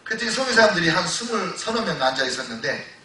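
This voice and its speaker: A male pastor preaching a sermon, telling stories that move between loud exclamations and hushed retelling. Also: sits high, very animated, quick pace, a little hiss or hum. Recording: echoey church hall, voice from a distance.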